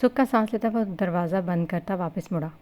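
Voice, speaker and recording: Woman reading a romance novel aloud. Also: fairly low pitch. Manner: steady storytelling narration. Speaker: narrator.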